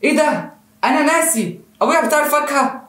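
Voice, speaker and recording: A man's voice: mid-range voice, big pitch swings, racing, pitched below the performer's own voice, close to an everyday voice. A man with an Egyptian accent voicing a confused young man who keeps asking who the stranger on the couch is, in a roomy-sounding recording. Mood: baffled. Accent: Egyptian Arabic. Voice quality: incredulous, repetitive questioning. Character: young man, baffled, not recognizing his own father. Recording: roomy echo.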